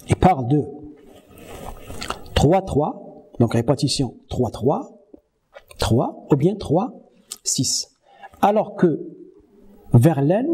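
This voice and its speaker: A man giving a university lecture on French verse, slowly reading poems aloud and counting their syllables. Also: high-pitched, warm tone, slightly rough. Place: Morocco.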